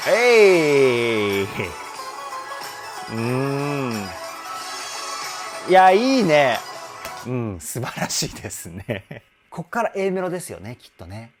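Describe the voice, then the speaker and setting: A man working as a vocal trainer, giving enthusiastic vocal analysis commentary and explaining clearly, with a song playing faintly behind him. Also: on the high side. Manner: enthusiastic, explains with sung demonstrations.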